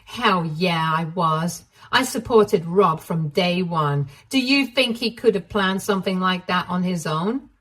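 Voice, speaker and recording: A woman's voice: mid-range voice, takes it slowly, natural voice. A woman voicing a scornful cheating ex-wife who pouts, whines and accuses. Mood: accusing. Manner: pouting, whiny and accusing.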